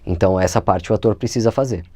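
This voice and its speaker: A man with a São Paulo Brazilian accent, calmly explaining as a voice actor guest in an interview. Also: lowish voice, quick pace. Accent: São Paulo Brazilian Portuguese.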